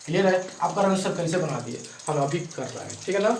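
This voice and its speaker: A male maths teacher, recorded off the mic in an echoey room with slight background noise, walks through a lesson slowly and step by step, checking in with his students again and again. His voice is animated and on the high side.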